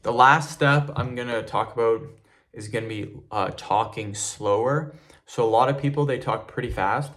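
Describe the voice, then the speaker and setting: A man's voice: medium pitch, normal speed, a bit bright. A man giving casual step-by-step instructions. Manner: instructional, counting reps and cueing breaks. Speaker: exercise tutorial host. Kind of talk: casual step-by-step video tutorial.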